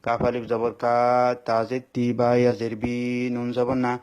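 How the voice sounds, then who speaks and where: A man's voice: medium pitch, monotone, darkish tone, smooth. A man teaching Quran reading. He spells out letters step by step, repeats himself patiently and answers his own questions. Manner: stretches words into slow sung recitation. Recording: dull lo-fi recording.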